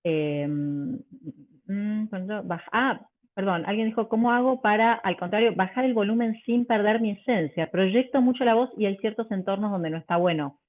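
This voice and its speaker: A woman vocal coach, teaching a live online workshop, full of fillers and restarts and demonstrating pitch and volume changes. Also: moderate pace. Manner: hesitant, many fillers and restarts. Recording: tinny phone-like audio.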